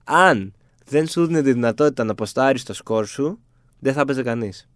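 A man's voice: mid-range voice, expressive, no echo. A man co-hosting a podcast in a small studio, chatting casually with wry, weary exasperation. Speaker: podcast co-host. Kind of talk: casual chat.

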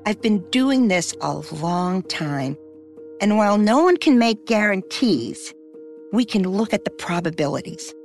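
Explanatory woman advisor, medium pitch. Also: sing-song, unhurried, soft background music. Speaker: financial advisor. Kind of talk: measured explanatory conversation.

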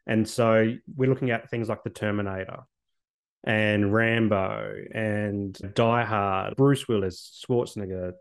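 Australian male guest, late 30s, low voice, earnest storyteller who restarts his phrases. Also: steady tone, measured pace, gravelly, clear, resonant tone. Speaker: podcast guest, social worker. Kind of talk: reflective personal storytelling.

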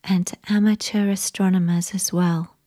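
A woman telling a sleep story in a soft, soothing unvoiced whisper, guiding relaxation. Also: lowish voice, flat delivery, measured pace.

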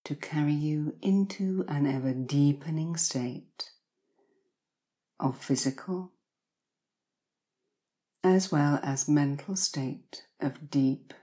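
A low-pitched woman guides a hypnotic relaxation, counting down slowly and soothingly. She speaks softly and breathily, leaves long pauses, and often drops to a near-whisper.

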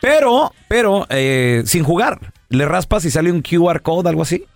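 A man hosting a radio talk show, joking and animated in casual banter. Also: moderate pace, faint music behind. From Mexico. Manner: joking, animated, swings up and down in pitch.

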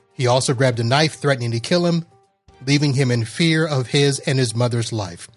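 A man hosts a relaxed podcast in an everyday mid-range voice. He talks in a loose, chatty way and laughs easily. Faint music sits behind him. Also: mid-range voice. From Florida. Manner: chatty, laughs while reading. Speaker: podcast host. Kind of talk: casual podcast chat.

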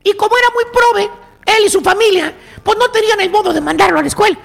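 Shrill mocking Mexican radio host man. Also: fast talker, creaky. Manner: rowdy, mocking, often shouting. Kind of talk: comedic radio monologue.

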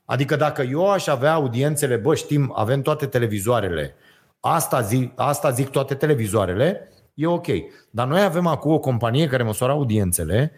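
A man's voice: medium pitch, lively intonation. A man hosting a casual chat, hesitant and full of fillers. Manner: hesitant, many fillers and affirmations. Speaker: host.

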